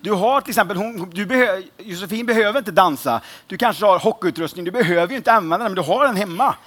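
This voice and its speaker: A man's voice: sits high, fairly bright tone. A young man preaching a casual, joking sermon, informal and rambling with fillers. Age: young adult.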